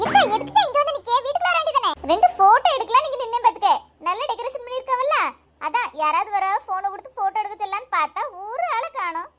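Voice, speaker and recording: A woman's voice: very high voice, fairly bright tone, slight background noise. A woman playing chatty, teasing young village women at a wedding in a comedy skit. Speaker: comedy channel performer.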